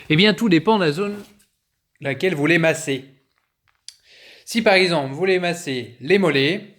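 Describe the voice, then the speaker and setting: A man coaching viewers casually, demonstrating massage tools while talking, often hesitating and restarting, filmed on a phone indoors. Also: a little high. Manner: chatty, hesitant, showing objects while talking. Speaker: fitness coach. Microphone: phone camera.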